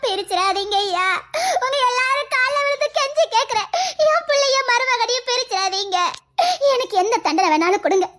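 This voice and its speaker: A shrill, very high-pitched village aunt , put on by a comic actor, who wails fake tears and then mutters sly plots to herself. Her voice is bright and piercing, with a Tirunelveli Tamil accent. The register is comedy skit melodrama. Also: brisk, full character voice. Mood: fake wailing. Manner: melodramatic wailing, sly asides. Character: scheming middle-aged aunt Kothambari, wailing fake tears.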